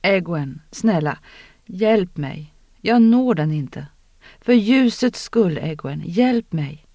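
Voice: medium pitch, smooth, dry recording, highs cut off, natural voice. A narrator voicing Rand, begging desperately. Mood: pleading. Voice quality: pleading, strained. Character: desperate young man begging for mercy. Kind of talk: audiobook character reading.

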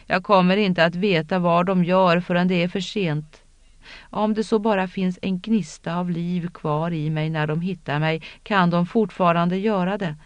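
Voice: mid-range voice, steady tone, clean tone, no echo, lo-fi sound, lightly acted. A narrator voicing Rand, begging desperately. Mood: pleading. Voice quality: pleading, strained. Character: desperate young man begging for mercy. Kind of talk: audiobook character reading.

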